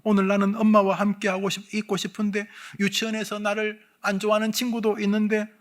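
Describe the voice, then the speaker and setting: A man's voice: sits high, completely flat delivery, fairly quick, pitched above the performer's own voice, close to an everyday voice. A man voicing a sixty-five-year-old woman who is reliving being a sad kindergarten girl, pleading tearfully in a childlike way.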